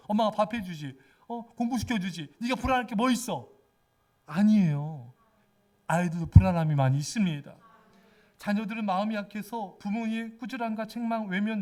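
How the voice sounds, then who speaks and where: A man's voice: sits high, far from the mic. A middle-aged male pastor giving a fervent sermon, exhorting and repeatedly calling out to his congregation.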